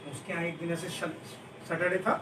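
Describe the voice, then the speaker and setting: Higher-voiced male teacher in echoey room. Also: fairly quick. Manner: animated, joking storyteller. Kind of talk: storytelling to a class, leading repetition drills. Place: indoor classroom. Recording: echoey room, far from the mic, noisy.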